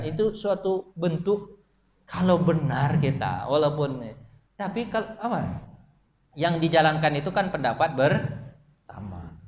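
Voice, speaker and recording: Animated male preacher in an echoey mosque. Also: mid-range voice, a little hiss or hum. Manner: lively storytelling, jokes with listeners. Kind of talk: mosque study sermon. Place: mosque hall. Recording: echoey mosque room, faint ambience.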